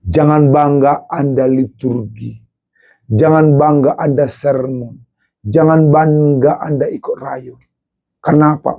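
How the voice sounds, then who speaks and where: Pastor, dramatic sermon delivery, husky and gravelly tone, heavy on rhetorical questions. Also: dark tone. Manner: dramatic, swinging between low Bible reading and high exclamations.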